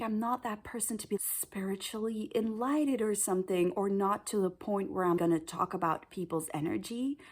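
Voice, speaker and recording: A woman telling a personal story in a casual vlog style, with a breathy, husky voice, dramatic emphasis and acted-out quotes. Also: medium pitch. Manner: animated, acts out quotes and reactions. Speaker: storyteller recounting an audition.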